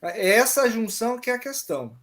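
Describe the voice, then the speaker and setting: A male teacher walks students through grammar points in an online exam-prep class. He is patient and explanatory, and he keeps pausing to check that everyone follows. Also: very high-pitched, expressive, a bit bright.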